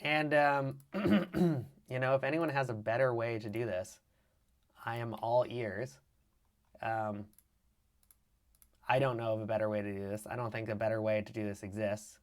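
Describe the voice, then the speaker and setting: A man presenting a live 3D animation tutorial, with a slight vocal fry and frequent throat clearing, narrating each click and step as he works. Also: mid-range voice, steady tone, normal speed, pauses often. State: keeps clearing his throat. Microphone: mic with problems on a livestream.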